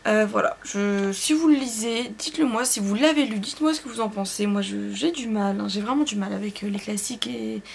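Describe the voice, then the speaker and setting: A young woman reviewing books in a casual vlog, rambling and hesitant, full of fillers and self-corrections, and quick to poke fun at herself. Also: mid-range voice, gravelly, slight background noise. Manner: self-deprecating, laughs at herself. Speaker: book vlogger.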